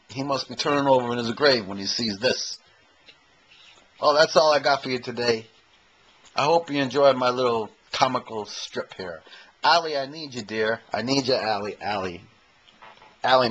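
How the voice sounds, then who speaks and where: Here a fifties-aged man, an amateur comedian and impersonator, gives a rambling, self-mocking stand-up monologue to camera in his own room. He talks at a moderate pace in a medium-pitched, slightly bright voice. The handheld camcorder mic yields a rough recording with a little hiss or hum.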